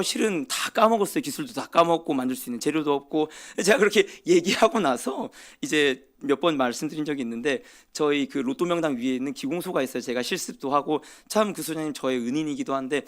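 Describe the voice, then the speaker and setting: A man preaching a sermon in church, swinging from loud emphatic cries to quiet asides. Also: a little high. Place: church sanctuary.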